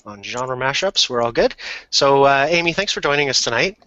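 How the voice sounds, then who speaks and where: A man's voice: medium pitch, animated, moderate pace, pushed and bright, dry recording, dull audio. A man hosting a casual podcast panel chat, leading the talk and laughing often. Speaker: podcast host.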